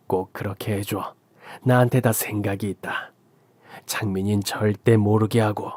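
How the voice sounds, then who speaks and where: A man's voice: on the low side, steady tone, dry recording, close to an everyday voice. A man playing a whispering old chairman father. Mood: hushed, grave. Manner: hushed, slow and commanding, often whispered. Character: older father, injured company chairman, cunning and secretive.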